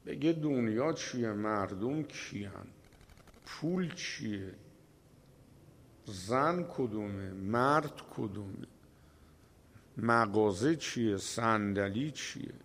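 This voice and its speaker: A man giving a religious sermon, telling a story with slow, emphatic delivery, dramatic pauses, and a voice that swells at the key moments. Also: fairly low pitch, expressive, a bit bright, slight background noise. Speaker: preacher.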